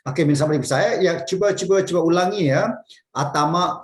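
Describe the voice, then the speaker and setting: A man's voice: a little high, fairly quick. Patient male teacher, roomy echo. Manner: patient, repeats words for students to echo. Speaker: Japanese language teacher. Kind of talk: casual online language class.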